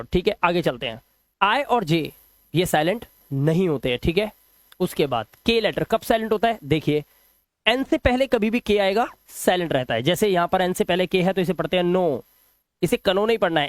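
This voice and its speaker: A man teaching pronunciation rules in a patient, step-by-step classroom style, repeating examples slowly. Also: high voice, dry recording. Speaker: English teacher. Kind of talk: classroom-style lesson explaining silent letters.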